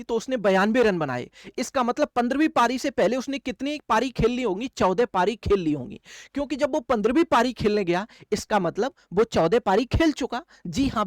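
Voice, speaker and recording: This man speaks in an extremely high pitch, recorded clean in a studio with no room sound. He teaches maths for exam coaching in a classroom-lecture style, explaining step by step, repeating key phrases and answering his own questions.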